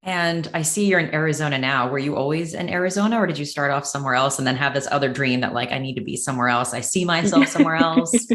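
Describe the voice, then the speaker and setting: A woman hosts a podcast and asks her guest questions in a chatty, loose way, full of fillers. Her voice is low for a woman. It comes through with a roomy echo. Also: fast talker, hardly any pauses. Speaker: podcast host. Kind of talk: casual interview chat.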